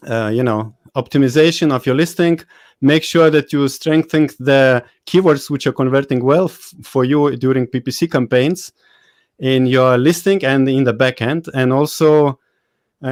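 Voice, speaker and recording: A man's voice: medium pitch, a little mellow, smooth, no echo. A Lithuanian man hosts a live online session in a casual, joking way. He hesitates often, fills gaps with "uh" and laughs at himself. His voice sits in a middle range and sounds dry and close to the mic. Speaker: host. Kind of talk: casual live webinar chat.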